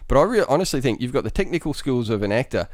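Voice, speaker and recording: Chatty podcast host, dry sound. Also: male voice, medium pitch, very animated, rapid-fire, a little mellow, no room sound. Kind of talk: casual chat.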